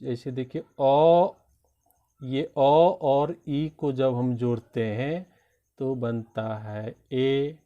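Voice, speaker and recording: A man teaches a grammar lesson to children at a very slow, patient pace, sounding out each letter one by one. His voice is mellow and relaxed. The recording is dull and lo-fi. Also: mid-range voice. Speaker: Hindi teacher. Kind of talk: classroom lesson explaining grammar.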